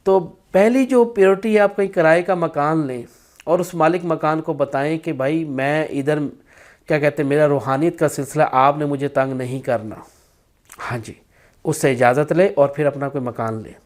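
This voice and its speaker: A man explaining a spiritual practice in a firm instructional talk, with stretches of slow chanted recitation. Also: on the high side, fairly even intonation.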